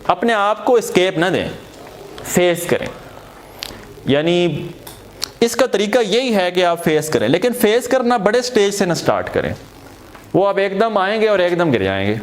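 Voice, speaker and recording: A man with a high voice that swings widely up and down as he lectures a room of teachers. He sounds earnest and encouraging, turning straight to his listeners as he coaches them. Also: very animated, long pauses, slight background noise. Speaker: teacher trainer. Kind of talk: motivational training lecture. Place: training room before a group of teachers.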